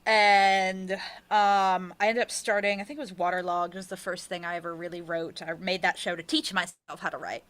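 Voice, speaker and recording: An American woman who writes and produces audio dramas chats casually as an interview guest. Her fairly low, steady, fairly bright voice keeps a moderate pace, and she's wry, frequently interrupting herself while telling stories.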